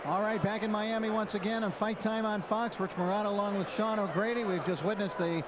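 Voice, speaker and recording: A man's voice: sits high, fairly even intonation, a little fast. An American man calling a boxing match as the play-by-play announcer in live sports commentary. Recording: loud crowd noise, live arena broadcast. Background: loud fight crowd in arena.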